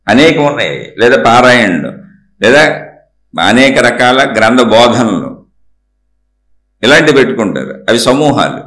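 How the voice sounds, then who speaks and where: A man's voice: mid-range voice, fairly bright tone, roomy sound. A man giving a spiritual discourse, explaining patiently and repeating key points for emphasis. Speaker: spiritual teacher.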